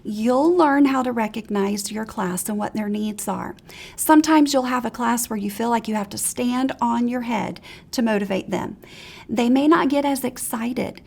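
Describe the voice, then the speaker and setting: Teacher trainer, woman, high and a little gravelly, upbeat instructional talk. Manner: encouraging, practical, animated examples.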